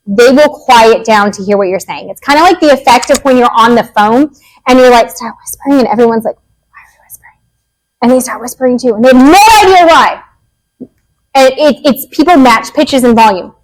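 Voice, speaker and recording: Lady behavior analyst talking parenting, high voice, casual and blunt. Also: low-quality recording. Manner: chatty, joking, direct.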